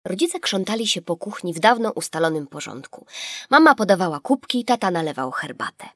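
A woman narrating a children's audiobook in a measured, expressive storytelling manner, recorded in a studio. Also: on the low side, no room sound.

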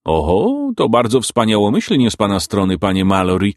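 A man's voice: fairly low pitch, huge pitch swings, normal speed, no room sound, clean studio sound. A man voicing a friendly, chatty elderly male building caretaker in an audiobook, eager and fussy. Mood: solicitous. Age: older.

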